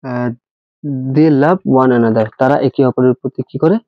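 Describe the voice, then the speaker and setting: A man's voice: mid-range voice, unhurried, no room sound. Man spelling out English grammar terms. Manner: spells words letter by letter, asks rhetorical questions. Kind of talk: classroom-style grammar lesson. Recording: dry, dull lo-fi recording.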